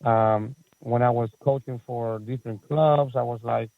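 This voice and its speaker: In a casual interview, a Chilean soccer coach and facility owner in his forties rambles on, restarting sentences and leaning on fillers. He has a Chilean Spanish accent and a gravelly, mid-range voice, steady in tone and measured in pace, captured dry over a tinny, phone-like line.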